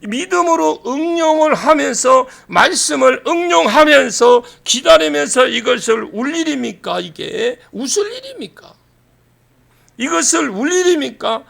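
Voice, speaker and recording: A male pastor preaching a sermon in a church, animated and acting out scenes, raising his voice to a shout for emphasis. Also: extremely high pitch, a little slow, gravelly. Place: church sanctuary.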